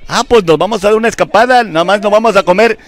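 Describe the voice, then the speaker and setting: A man's voice: sits high, fast, dry recording. A man reporting live at an outdoor town festival, chatting in a playful, easygoing way. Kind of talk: live on-the-street chat. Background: live folk music.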